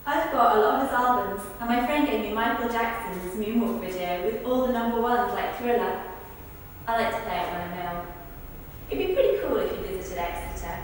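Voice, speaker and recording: Performing verbatim monologues in a rehearsal, a woman speaks with a medium-pitched, natural voice. She earnestly voices people recalling a celebrity's visit to their football club. The audio is echoey and distant, from a big rehearsal hall with faint noise.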